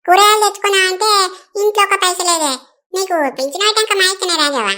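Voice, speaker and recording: A woman's voice: very high-pitched, fast talker, bright, forceful tone. A woman voicing a scheming old village woman who wheedles for money and protests her innocence. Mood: wheedling. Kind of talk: cartoon voice acting.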